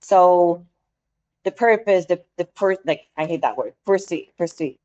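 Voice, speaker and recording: Speaking fairly low with lively intonation, she talks a little slowly and sounds slightly mellow through a muffled recording. She's a podcast co-host with a French accent, using English as a second language, earnest and fumbling for words in relaxed chat.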